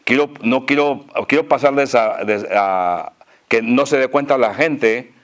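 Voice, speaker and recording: A man voicing a proud king from a sermon story who speaks in slow, pleading lines. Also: mid-range voice, fairly bright tone, pitched below the performer's own voice, lightly acted. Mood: scheming. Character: proud humbled king, male, middle-aged.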